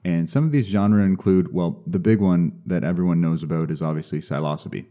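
Low, dark-voiced man explaining fungi. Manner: measured, explanatory, with frequent "um" and restarts. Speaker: mycologist guest. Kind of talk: casual podcast interview.

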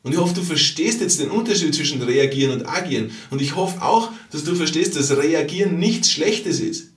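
A man's voice: on the high side, lively intonation, normal speed, far from the mic. A man, hosting a podcast as a business coach, talking emphatically in repeated phrases and rhetorical questions aimed at the listener. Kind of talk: motivational business monologue. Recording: roomy echo, slightly off-mic.

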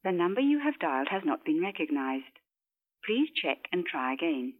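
A woman's voice: lowish voice, big pitch swings, moderate pace. A recorded woman's voice on an automated phone message, its words spliced together and clipped. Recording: tinny phone line with static noise.

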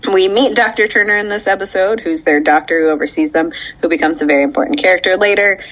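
A woman's voice: on the low side, fast talker, fairly bright tone. A woman co-hosting a podcast, explaining a show at length with many ums and frequent laughs. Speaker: podcast co-host. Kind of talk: casual chat, recapping a show. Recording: dull lo-fi audio.

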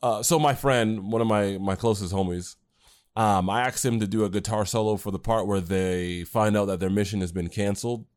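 A man's voice: lowish voice, steady tone, moderate pace, a little mellow. A man co-hosting a casual podcast chat, rambling with fillers and restarts. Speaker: podcast co-host and anime creator.

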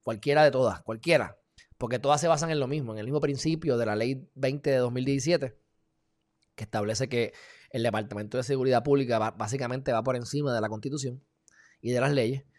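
A man with a Puerto Rican accent giving emphatic, heated commentary in a casual live video, talking straight to his viewers with sudden loud bursts. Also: mid-range voice, brisk. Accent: Puerto Rican Spanish. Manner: informal, addresses viewers as "mi gente". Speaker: live-stream political commentator.

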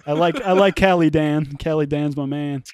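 Male podcast host, fairly high voice, dry close sound, crude joking banter. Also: fairly even intonation, moderate pace, a little mellow, clean tone, no echo. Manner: laughs often, crude banter. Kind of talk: casual chat reacting to videos.

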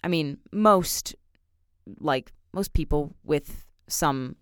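A woman's voice: deep voice, drawn-out words, clear, resonant tone, no echo, clean studio sound. A young woman hosting a self-help podcast, talking in a chatty way with lots of filler words. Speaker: podcast host.

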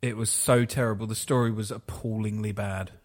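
A man's voice: on the low side, steady tone, a little fast. A man in casual podcast chat, blunt and dismissive in his opinions.

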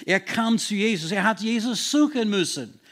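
A man preaching a sermon in an earnest, emphatic way, slowing down to stress key words, with slightly non-native phrasing. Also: high-pitched, expressive, fairly bright tone.

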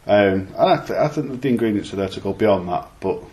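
A man in a casual chat, halting and careful with his opinions. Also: on the low side, animated, warm tone. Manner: hesitant, restarts, cautious opinions.

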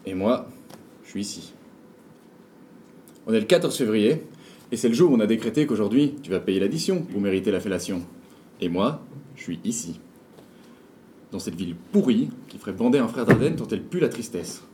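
A man performs a first-person story in a theatrical, dramatic way with deliberate repetition. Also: fairly low pitch, expressive, mellow, a little hiss or hum. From Belgium. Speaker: storyteller performing an autobiographical monologue.

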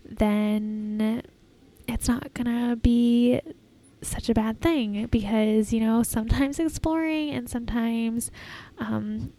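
A woman hosting a casual, reflective solo podcast in an informal, halting way, recorded in an airport terminal. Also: on the high side, fairly even intonation, mellow. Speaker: podcast host. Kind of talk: casual solo podcast talk, self-help advice.

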